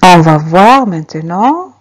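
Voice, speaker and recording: A woman's voice: fairly low pitch, expressive, slow pace, slightly rough. A woman teacher leading a beginners' reading lesson, spelling out letters and syllables one at a time and repeating each word. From Algeria. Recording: slightly dull lo-fi recording.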